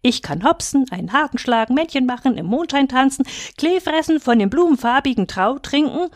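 A woman's voice: lively intonation, a little fast, no room sound. Woman playing a tiny prim bunny. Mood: polite. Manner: prim, well-mannered, raised pitch. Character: tiny proud young male bunny, prim and polite.

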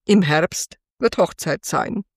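A fussy, bossy old field mouse lays down the law in a slightly raised, insistent voice, played by a woman reader. The delivery is slow and dry. It is a storybook figure for a children's tale. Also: low-pitched, lively intonation, gravelly, breathy edge, no echo, exaggerated voice.

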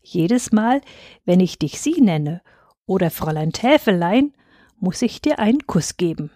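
Sprecherin als verlegener junger Ehemann, eifrig, stolpernd, trockene Aufnahme. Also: female voice, fairly low pitch, sing-song, a little slow, dark tone, no room sound, studio quality. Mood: eager. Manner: eager, stumbling over words. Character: flustered young newlywed man.

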